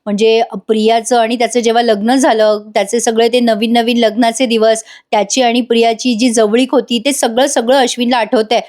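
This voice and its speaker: High-voiced woman recapping a tv serial. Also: little pitch movement, fairly quick, few pauses, a little mellow. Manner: chatty, addresses viewers directly. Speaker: tv serial reviewer. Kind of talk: voice-over episode recap.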